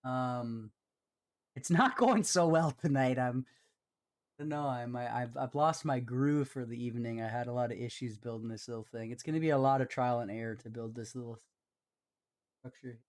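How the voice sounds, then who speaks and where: A man's voice: medium pitch, normal speed. Rambling Canadian man streaming a build. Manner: rambling, hesitant, self-deprecating. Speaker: live streamer. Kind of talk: casual commentary while building.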